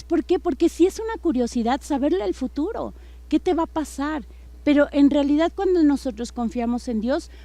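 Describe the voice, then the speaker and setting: A high-voiced woman teaching a congregation in an earnest, searching way. Her voice is mellow and dark in color, caught close and dry with almost no room sound. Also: dry recording. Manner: earnest, many fillers and restarts. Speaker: church teacher. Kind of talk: sermon.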